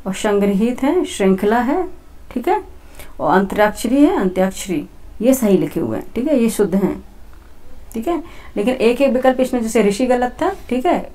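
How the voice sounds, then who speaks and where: A woman with a fairly high voice teaches an exam-prep class. She goes through each answer step by step and keeps checking in with her students with a quick "okay". Her delivery is plain and repetitive, like a tutor at a whiteboard. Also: darkish tone. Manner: repetitive, says "theek hai" often; explains step by step, talking to students.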